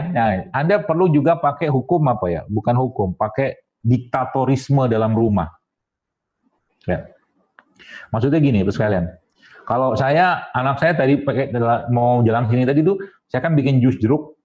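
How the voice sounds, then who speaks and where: A man's voice: medium pitch, animated, moderate pace, a little mellow. A man giving a casual, jokey health talk to an audience, with sound effects and quoted voices. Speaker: Islamic health speaker. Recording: dull lo-fi sound.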